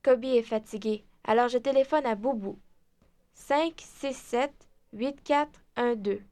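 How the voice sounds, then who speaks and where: A woman voicing a cheerful young girl planning her birthday party, in a slow, clear scripted language-lesson dialogue. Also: a little high, a little mellow, slight background noise, lightly acted. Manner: slow, clear, deliberate speech.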